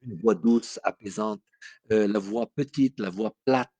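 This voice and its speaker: A man's voice: lowish voice, a little slow, mellow, dry recording. A man from Morocco, giving a spoken lecture as a teacher in an explanatory way with frequent hesitations.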